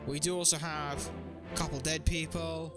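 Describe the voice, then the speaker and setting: A man doing let's play commentary, thinking aloud and getting excitable about a puzzle game. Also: a little high, normal speed. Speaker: gaming streamer. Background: background music.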